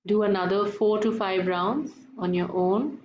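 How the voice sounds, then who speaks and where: Female yoga instructor, soft soothing unhurried delivery, guided breathing; roomy, slightly muffled recording. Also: medium pitch, steady tone. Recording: echoey room, dull lo-fi, faint noise.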